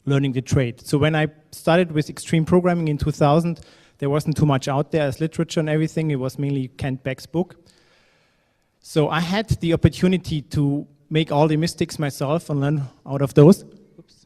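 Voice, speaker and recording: A German man speaks at a conference in a voice slightly higher than most men's. His delivery is relaxed and conversational, full of ums and restarts, with occasional phrasing that sounds non-native. The long reverb of a large hall rings around his words.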